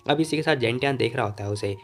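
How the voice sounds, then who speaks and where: A man's voice: mid-range voice, fast, soft background music. A man narrating a comic story recap in a chatty, informal voice-over, talking to the listener like a friend.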